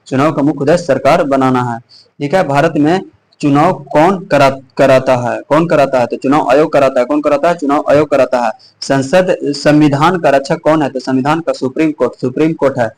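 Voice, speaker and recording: A male teacher with a hoarse throat running a quiz-style exam revision lesson, repeating each question and answer with frequent restarts. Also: on the high side, darkish tone, poor audio.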